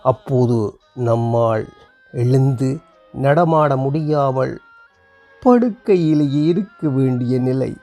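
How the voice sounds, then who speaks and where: A man narrating a reflective piece in a slow, heartfelt way, his voice breaking at times. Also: medium pitch, animated, dark tone, faint music behind. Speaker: host reading a story.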